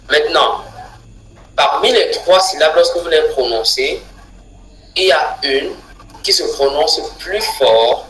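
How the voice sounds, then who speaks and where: A man giving an English pronunciation lesson, repeating each word slowly with deliberate stress. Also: medium pitch, fairly bright tone, roomy sound, poor audio. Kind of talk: slow spoken lesson.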